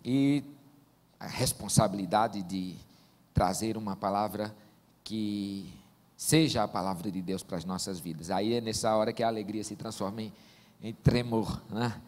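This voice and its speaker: A man's voice: lowish voice, fairly even intonation, normal speed. Preacher guy, 40s, folksy storytelling sermon, big echoey church hall. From Northeast Brazil. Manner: warm joking storyteller, folksy asides. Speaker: pastor. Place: church sanctuary. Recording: long church-hall reverb.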